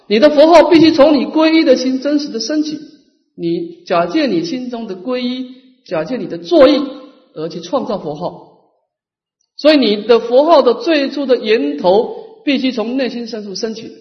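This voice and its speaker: A man giving a Buddhist dharma lecture. He stresses each numbered point and lets his phrases trail off softly. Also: high-pitched, recorded from a distance. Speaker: Buddhist teacher. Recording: muffled lecture recording from afar.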